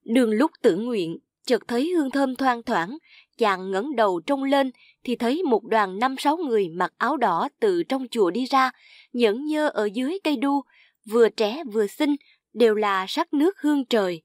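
A woman narrating a classical tale in a measured way, reciting old verse. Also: a little high, expressive, no echo, studio quality.

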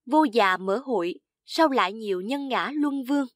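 Bold young scholar in witty courtly banter, voiced by a woman narrator, slightly high voice. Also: lively intonation, moderate pace, dry recording, clean studio sound, lightly acted.

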